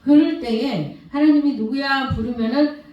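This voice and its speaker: A woman's voice: mid-range voice, lively intonation, moderate pace, highs cut off. A middle-aged woman pastor giving an earnest sermon, telling her story with emotional swells and at times choked up. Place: church sanctuary. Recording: very echoey church hall, voice far from mic.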